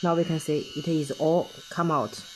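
A man giving a hands-on tutorial, explaining each step in halting, simple phrasing as he demonstrates a device. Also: a little high, steady tone, slight background noise. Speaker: product demonstrator.

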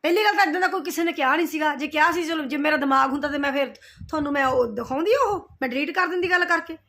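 A woman's voice: high voice, racing, fairly bright tone. A middle-aged woman, ranting straight at the camera, scolding and confrontational, repeating her points. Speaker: vlogger replying to roasters. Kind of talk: heated direct-to-camera rant.

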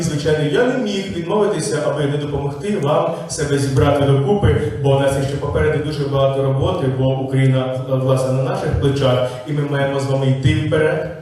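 A male showman chats and jokes with a live audience in a rousing manner. His voice sits high for a man. It rings with heavy echo and is picked up from far across the venue. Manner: joking, chatty, rousing. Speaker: showman and comic entertainer. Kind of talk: live comic stage performance. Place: live stage at a community gathering.

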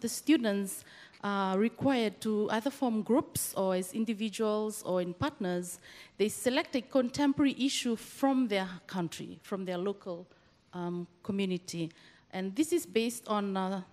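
A woman's voice: mid-range voice, normal speed, a little mellow. A woman from Fiji, a university lecturer, speaking earnestly into a handheld mic from the audience, with many restarts. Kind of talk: speaking from the floor at a workshop. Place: large semi-open hall with audience. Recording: long hall reverb.

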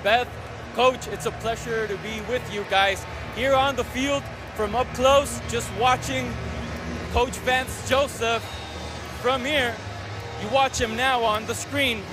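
A man reporting live from the sidelines of a sports field, shouting to be heard. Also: very high voice, fairly even intonation, slow pace, over music. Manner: shouting over the field noise.

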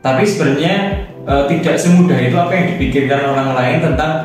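A man's voice: a little high, quick pace, a little mellow. Young man, book-talk host, filler-heavy explainer, echoey room recording with music behind. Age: young adult. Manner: explains at length with many fillers. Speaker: discussion host. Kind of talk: casual book discussion. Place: small studio at a table. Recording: roomy echo from far off, music behind.

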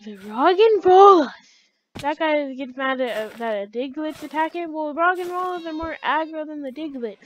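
A woman's voice: high-pitched, normal speed, few pauses, a bit bright, low-quality recording. A woman giving chatty let's play commentary, talking to herself and to the game's characters. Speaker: gaming channel host.

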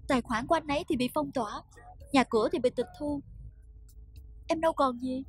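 An actress playing a worried young wife in a Vietnamese TV drama, pleading and anxious. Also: female voice, sits high, a little fast, dry recording, faint music behind, lightly acted.

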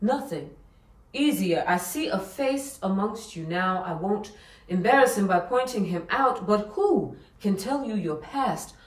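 An ominous fortune teller, played by a woman, delivers prophecy in a slow, theatrical way, dropping to a hush and then bursting loud. Her voice rises and falls widely. It sounds echoey and a bit distant from the mic. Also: medium pitch, expressive, close to an everyday voice. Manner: dramatic swings from hushed to shouted. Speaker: student actor performing a monologue. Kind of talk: theatrical stage monologue.

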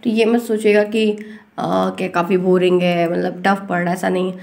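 A woman teacher giving an online grammar lesson, speaking slowly and deliberately because a dry cough leaves her short of breath. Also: on the low side, level tone, gravelly, a little mellow.

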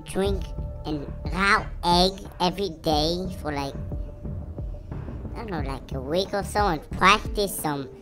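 Loud game music and sound effects run under this non-native English-speaking woman as she plays and talks. Through a voice changer, her fairly low voice moves at a measured pace, and her commentary is casual, rambling and sweary, with phrases repeated.

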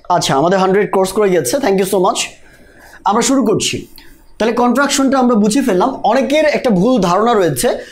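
বাংলাদেশি উচ্চারণে ইংরেজি শিক্ষক, প্রশ্ন করে পড়ান. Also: medium pitch. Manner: keeps quizzing the class, repeats examples slowly and drawn out. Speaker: English teacher. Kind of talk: live online spoken-English lesson.

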